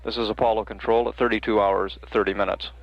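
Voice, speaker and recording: A man with a gravelly voice giving measured, hesitant official status reports as a mission control announcer. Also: lowish voice, little pitch movement, no echo. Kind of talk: halting factual status report. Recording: dull archival broadcast feed.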